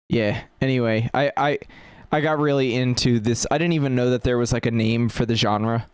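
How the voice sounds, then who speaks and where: A man's voice: medium pitch, normal speed, clear, resonant tone, dry recording. A man hosting a casual chat, rambling with lots of fillers and restarts. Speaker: podcast host.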